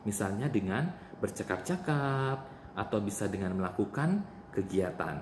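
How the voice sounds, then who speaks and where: Guy doing a nurse role-play, patient, echoes back answers, pitch bounces a lot, echoey room w faint hum. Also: expressive, normal speed. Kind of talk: nursing role-play demonstration.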